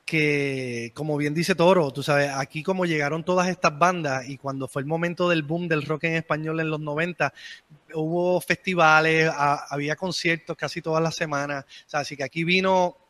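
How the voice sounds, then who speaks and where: Puerto Rican musician, rambling chat. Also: male voice, fairly high pitch, steady tone, normal speed, a bit bright. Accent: Puerto Rican Spanish. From Puerto Rico. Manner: rambling, many restarts and fillers. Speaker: band member. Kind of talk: casual interview talk.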